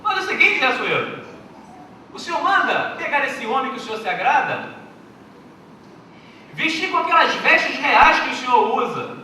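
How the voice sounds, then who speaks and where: A preacher playing a boastful scheming official. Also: male voice, very high-pitched, sing-song, moderate pace, long pauses, pushed and bright, slight background noise, heavily acted. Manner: swaggering, then deflated. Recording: echoey hall from far off.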